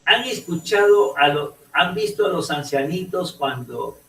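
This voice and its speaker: A male teacher lecturing a class, halting and restarting often and checking in with "ok?" as he goes. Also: on the high side, lively intonation, gravelly, fairly bright tone. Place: echoey classroom. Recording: roomy classroom audio, mic far off.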